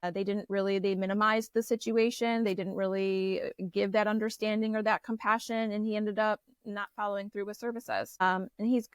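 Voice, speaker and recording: A woman therapist, a guest in an interview, telling personal stories in a candid, animated way with frequent restarts. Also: mid-range voice, no echo. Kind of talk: conversational storytelling interview.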